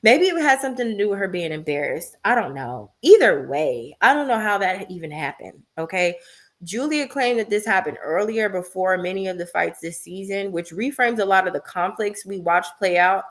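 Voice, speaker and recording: A woman's voice: medium pitch, lively intonation, normal speed. A woman hosting a casual, blunt and gossipy recap of a reality TV show, talking with slang and lots of fillers.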